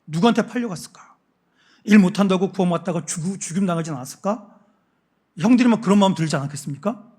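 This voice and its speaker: A male pastor delivers a midweek Bible lecture, telling the story with animated emphasis. His voice sits high for a man. He drives each point home with lively, emphatic phrasing. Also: quick pace, breathy edge.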